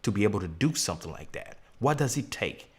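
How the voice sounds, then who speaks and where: Male livestream host with a very low voice, courteous and supportive. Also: very animated, fast talker, breathy edge. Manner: polite, encouraging, says "yes, sir". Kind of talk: livestream interview.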